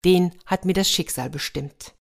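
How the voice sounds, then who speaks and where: Give me an earnest young princess, read by a woman with a low voice. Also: measured pace, vocal fry. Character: tsar's daughter, young woman, determined.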